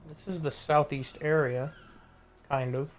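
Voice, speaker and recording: A man's voice: fairly high pitch, fairly even intonation, unhurried, slight background noise. Chatty, joking man playing a game. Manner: chatty, joking, swears casually. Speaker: let's play gamer. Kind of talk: casual gameplay commentary.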